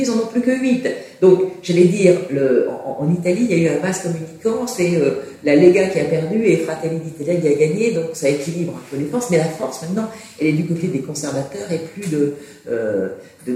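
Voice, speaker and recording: A man's voice: on the high side, animated, fairly quick, dark tone. Hesitant man, distant and echoey. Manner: hesitant, many fillers and restarts. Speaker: political commentator. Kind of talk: interview answer, analytical.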